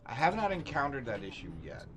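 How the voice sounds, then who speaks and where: A man's voice: medium pitch, big pitch swings, quick pace, background noise. A man streaming a video game, thinking aloud in a chatty, curious way. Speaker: gaming streamer. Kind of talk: casual gameplay commentary.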